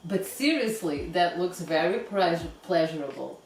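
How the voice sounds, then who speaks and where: Low-voiced woman, echoey, over music. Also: expressive, measured pace, a little hiss or hum. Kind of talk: casual reaction chat, reading comments aloud. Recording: echoey room with prominent background music.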